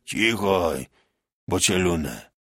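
A man's voice: deep voice, animated, slow pace, a bit bright, slightly rough, no room sound, studio quality, exaggerated voice. A man voicing a drunk, boastful old peasant soldier who talks in rustic dialect with a swagger. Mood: gruff. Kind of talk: audiobook character voice.

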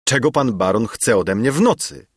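A man voicing a gruff, mocking old grandfather. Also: mid-range voice, lively intonation, moderate pace, no echo, clean studio sound, pitched above the performer's own voice. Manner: scolding, sarcastic.

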